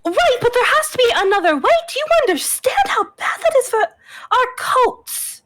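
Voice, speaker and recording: A woman's voice: high-pitched, very animated, moderate pace. A woman voicing a proper young female dog from a noble house, scolding and indignant. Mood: worried.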